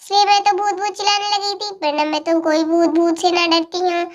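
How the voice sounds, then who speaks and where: A woman's voice: very high voice, fairly even intonation, brisk. A woman voicing a flustered village aunt doll who scares easily and then boasts defensively. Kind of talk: doll story role-play.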